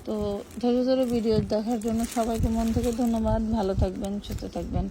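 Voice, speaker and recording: A woman's voice: on the high side, fairly even intonation, fast, background noise. A woman with a Bangladeshi Bengali accent, co-hosting a live clothing sale and admiring the dresses aloud. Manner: admiring exclamations over the dresses. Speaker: online clothing seller. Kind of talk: live sales pitch.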